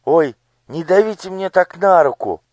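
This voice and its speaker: A man's voice: medium pitch, unhurried, gravelly, dry recording, voice pushed up. A man voicing a frightened young girl disguised as a page, whimpering and pleading in pain, in an audiobook. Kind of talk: audiobook character voice.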